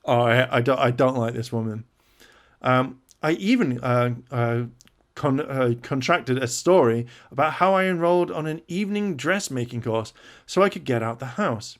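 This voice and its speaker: A man's voice: medium pitch, lively intonation, normal speed. Sweary, outraged man ranting. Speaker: reaction video host. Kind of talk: reading an article aloud and ranting.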